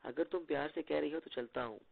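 A man's voice: on the high side, fast, creaky. A man voicing a playful, joking young male secret agent who teases his companions, heard through tinny phone-like audio. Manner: playful, bantering.

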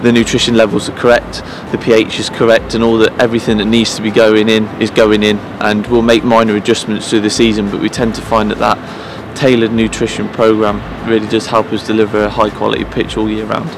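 Gravelly low-voiced groundsman at pitch side. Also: monotone, noisy background. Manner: earnest, measured, with frequent fillers and restarts. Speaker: head groundsman. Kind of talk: promotional interview to camera. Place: outdoors at pitch side in an empty football stadium.

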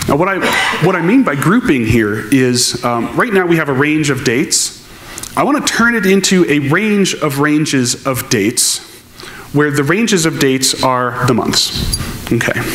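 A man giving a technical conference keynote on stage, answering audience questions in a thoughtful, explaining manner. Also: fairly high pitch. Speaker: conference speaker. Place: large lecture hall, on stage. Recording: echoey lecture hall with faint noise.

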